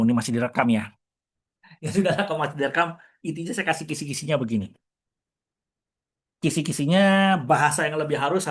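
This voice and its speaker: A man explaining the stock market to an audience in a casual, chatty way, posing rhetorical questions and answering them himself. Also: on the high side.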